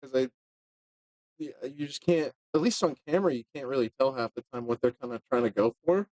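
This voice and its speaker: A man giving relaxed, joking live commentary on a pool match, talking loosely with fillers. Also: medium pitch, fairly quick, dry recording.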